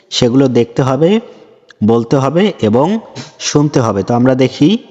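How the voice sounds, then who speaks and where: A man teaching a children's English lesson, explaining words slowly and patiently and repeating each one. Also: medium pitch, mellow. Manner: slow, patient, repeats each word and meaning. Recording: dull lo-fi sound with long reverb.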